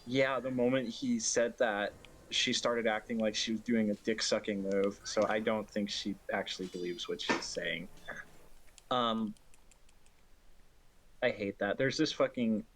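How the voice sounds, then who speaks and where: A man's voice: lowish voice, steady tone, unhurried, a bit bright, a little hiss or hum. A man streaming a speedrun, chatting loosely with friends and swearing a lot as he muses. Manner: loose, profane, musing. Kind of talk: casual chat.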